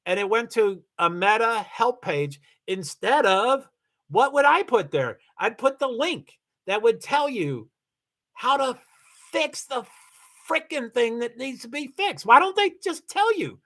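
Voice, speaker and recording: A very high-pitched, pushed and bright voice belongs to a Kentucky livestream host who speaks a little slowly with big pitch swings. He chats casually with viewers and reads their comments, rambling and repeatedly correcting himself.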